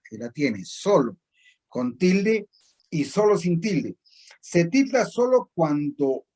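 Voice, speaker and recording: A middle-aged male teacher explaining spelling rules slowly and repetitively, with many pauses. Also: fairly high pitch, a little mellow. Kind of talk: recorded distance-learning spelling lesson.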